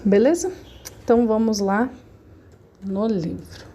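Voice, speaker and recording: A woman's voice: mid-range voice, unhurried, mellow, husky. A woman teaching a remote class, explaining patiently and often checking that her students follow.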